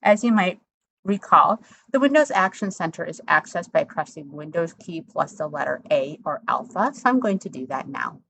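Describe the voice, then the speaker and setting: A woman instructor talking through a software tutorial step by step, in a conversational, explanatory way. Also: low-pitched, lively intonation, normal speed, gravelly, a little hiss or hum, low-quality recording.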